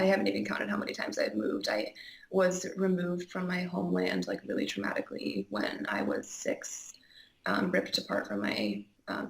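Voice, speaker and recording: A woman's voice: mid-range voice, vocal fry, roomy sound, rough recording. A young woman from Iceland, an interview guest telling her personal story candidly, chatty and full of "like" and "um". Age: young adult. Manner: chatty, heavy use of "like" and "um", frank.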